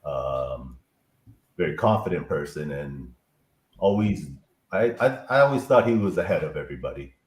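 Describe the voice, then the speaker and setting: Casting: low-voiced man reminiscing, on a roomy remote line with faint hiss. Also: expressive, moderate pace. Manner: reminiscing, tells a story with warm praise. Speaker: guest. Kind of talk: casual chat.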